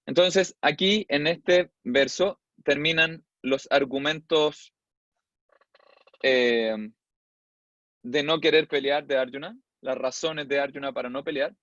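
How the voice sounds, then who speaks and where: A man teaching a scripture study class, explaining step by step and chanting verses slowly while counting syllables aloud. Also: on the high side, fairly bright tone, no room sound. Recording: dull lo-fi, dry.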